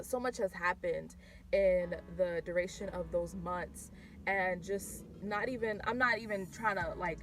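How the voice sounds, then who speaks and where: Speaking with a fairly bright, mid-range voice, a Florida-raised vlogger originally from Haiti tells her personal faith story. The young woman keeps it casual and open, often restarting sentences and using many fillers.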